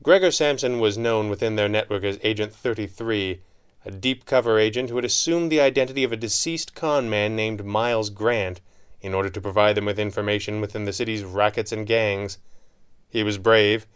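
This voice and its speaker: A man giving steady scripted narration of an adventure story. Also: on the low side, moderate pace, smooth.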